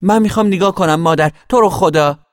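A man's voice: sits high, dry recording, clean studio sound, voice pushed up, lightly acted. A man voicing a nosy, boastful young girl who talks eagerly and bosses her little brother around.

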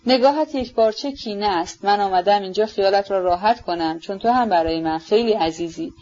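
A woman voicing a gentle, sincere young prince who speaks earnestly and openly, in a dull lo-fi recording. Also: mid-range voice, lightly acted.

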